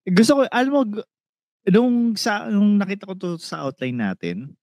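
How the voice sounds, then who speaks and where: A middle-aged podcast co-host from the Philippines, talking in an animated way and often searching for words. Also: male voice, high voice, moderate pace, no echo. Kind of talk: casual podcast chat, mixing in English.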